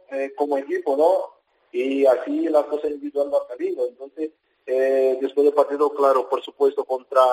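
A young man, a football player, answering radio interview questions over a speakerphone that sounds distant and faint, halting with many fillers. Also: medium pitch, mellow. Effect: heard over a speakerphone line, distant and faint.

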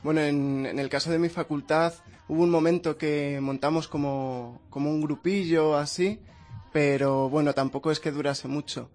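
A man guesting on a radio show as a musician gives short, measured answers. His voice sits slightly high and stays monotone. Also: faint music behind. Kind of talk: radio interview.

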